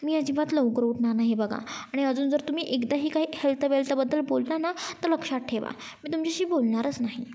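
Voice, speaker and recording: A woman's voice: high-pitched, fairly quick, hardly any pauses, dark tone. Woman voicing a playful, stubborn young sweetheart. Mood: pouting, playful. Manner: teasing, coy, pouting.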